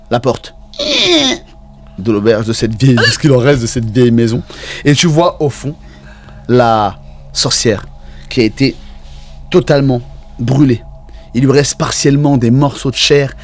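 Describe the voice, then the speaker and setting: A man's voice: medium pitch, a little slow, long pauses, soft background music. A man narrating an improvised tabletop game as game master.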